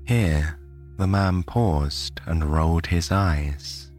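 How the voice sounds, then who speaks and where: A British man from the United Kingdom narrating a bedtime sleep story in a soft, soothing way. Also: low voice, slow, faint music behind.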